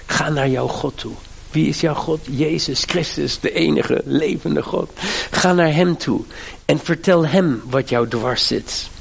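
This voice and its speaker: A man's voice: a little high, measured pace, creaky, husky. A middle-aged man preaching a sermon, with fervent, emphatic appeals to his listeners. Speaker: pastor.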